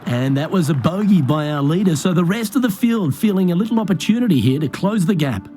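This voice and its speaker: A man calling golf shots as play-by-play commentator, measured and handing over to his colleagues. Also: high voice, lively intonation, mellow, faint music behind. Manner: measured, calls each shot and hands over to colleagues. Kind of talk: sports commentary.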